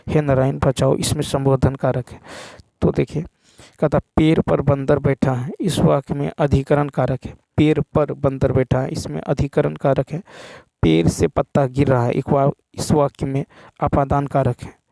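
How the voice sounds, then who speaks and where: Gravelly-voiced male teacher explaining exam answers. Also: mid-range voice, level tone, normal speed, mellow, dry recording. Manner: explanatory, repeats key points with "ठीक है".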